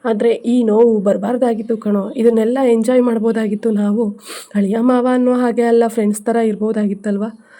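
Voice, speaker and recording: A woman's voice: on the high side, level tone, brisk, mellow, lightly acted. A woman voicing a tired, grateful older father who speaks fondly and from the heart. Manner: heartfelt, fond.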